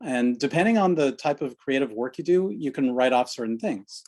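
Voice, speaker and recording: A man presenting an online workshop over a video call, explaining in a relaxed, conversational way. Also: medium pitch, normal speed.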